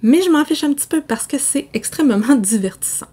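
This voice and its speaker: A woman's voice: high voice, expressive, brisk, mellow. A young woman with a Québécois French accent, chatting animatedly to her viewers as she reviews books. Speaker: book vlogger. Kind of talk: casual book review.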